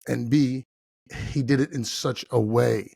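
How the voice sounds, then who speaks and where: A man co-hosting a casual wrestling podcast, talking as an emphatic, enthusiastic fan with a gravelly, husky voice. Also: medium pitch, steady tone, unhurried, dark tone, dry recording. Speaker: podcast co-host.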